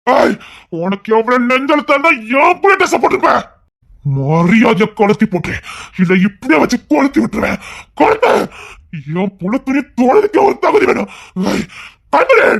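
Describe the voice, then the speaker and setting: A man voicing a stern, furious middle-aged uncle in an audio drama, shouting threats in loud outbursts. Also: high-pitched, sing-song, fairly quick, gravelly, full character voice. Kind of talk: Tamil audio drama acting.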